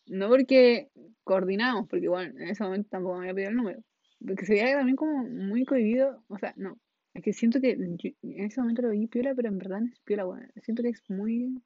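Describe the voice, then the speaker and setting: A woman's voice: medium pitch, no room sound, dull audio. A young woman with a Chilean accent tells a personal story in a casual monologue, rambling, scattered, full of slang and frequent laughter. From northern Chile. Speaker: podcast host.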